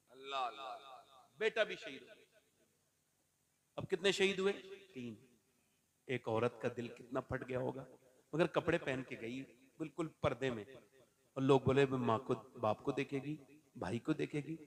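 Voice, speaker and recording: A male preacher giving a sermon, moving from hushed storytelling to shouted calls and slow chanted verses. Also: a little high. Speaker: Islamic preacher.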